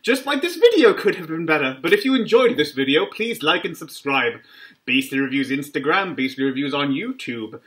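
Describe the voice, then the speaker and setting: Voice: medium pitch, big pitch swings, moderate pace, a bit bright. A snack reviewer talking through a costume mask, casually rambling with jokey, self-mocking asides while tasting a treat. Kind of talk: casual food review vlog. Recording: clear background noise.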